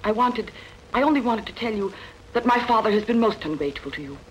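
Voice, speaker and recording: A woman's voice: a little high, lively intonation, quick pace, natural voice, poor audio. A performer playing a wistful, dutiful young princess in a dubbed ancient epic, speaking formally and tenderly as a woman in love. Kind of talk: dubbed sword-and-sandal film acting. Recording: film dub with faint background noise.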